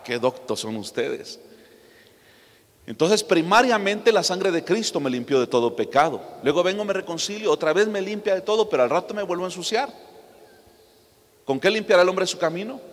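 A man preaching a sermon, firing rhetorical questions at his congregation. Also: high voice. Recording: long reverb of a church hall.

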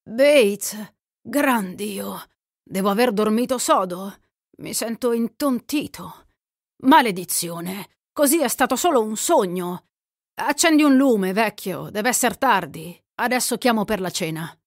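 Woman reading a smooth flattering young gambler, slow and gallant, dry close studio sound, storybook. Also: mid-range voice, no room sound. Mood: groggy.

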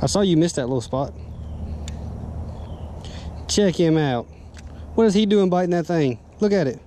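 A young man, narrating a fishing outing in a folksy, excited way, recorded outdoors on an action camera. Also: fairly high pitch, moderate pace. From Southern US. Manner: excited, folksy, talks to viewers. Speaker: fishing vlogger. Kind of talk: casual fishing commentary. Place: outdoors on a boat and bank, wind and water. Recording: outdoor camera audio with noise.

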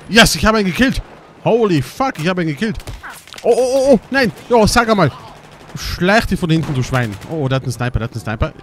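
A young German man doing live gameplay commentary, excitable and swearing a lot, with bursts of shouting while mostly keeping his voice down. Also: medium pitch, a little hiss or hum. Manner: holds his voice down at night. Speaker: let's play gamer.

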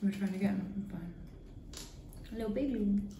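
A young British woman tasting snacks, giggly and expressive. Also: mid-range voice, brisk. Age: young adult. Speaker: taste tester. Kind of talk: casual chat. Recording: roomy, distant mic, faint noise.

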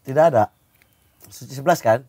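A man from eastern Indonesia, co-hosting a casual chat and telling stories with lively mimicry. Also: mid-range voice, fairly quick, breathy edge, no echo. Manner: animated storyteller, mimics stammers.

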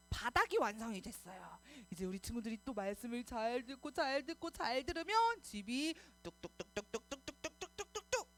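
A woman teaching preschoolers at a Sunday service, coaxing them in an animated, sing-song way to repeat after her. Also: a little high. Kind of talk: children's sermon.

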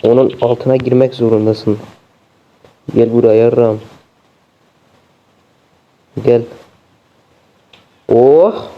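A young man commentating a game as he plays, swearing constantly and sounding exasperated. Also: mid-range voice. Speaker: gameplay streamer. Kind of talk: let's play commentary. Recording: dull lo-fi sound.

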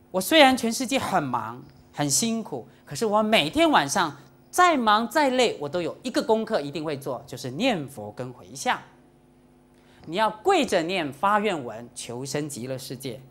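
A woman, a Buddhist nun, giving a dharma lecture to an audience in a lively, teasing way, dropping in English words now and then. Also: mid-range voice.

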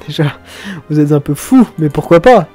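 A man's voice: a little high, animated, moderate pace, mellow, soft background music. A young man hosting a casual game tutorial, chatty, swearing now and then and breaking into mock-dramatic outbursts. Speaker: video game tutorial host.

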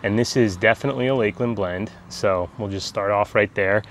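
An American man in his forties chatting casually outdoors in an easygoing, halting way, like a reviewer talking to camera. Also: lowish voice. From United States. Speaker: pipe tobacco reviewer. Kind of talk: casual video chat. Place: outdoors in a backyard garden. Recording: outdoor ambient background noise.

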